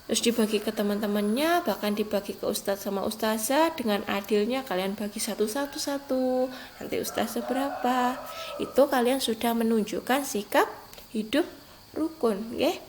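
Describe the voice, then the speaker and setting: A young woman teacher talks patiently to small children, her voice pitched a little high. She reads example sentences with a lifted, emphatic tone. A faint hiss sits under the recording. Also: normal speed, rough recording. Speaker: primary school teacher. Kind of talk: recorded online class lesson for young children.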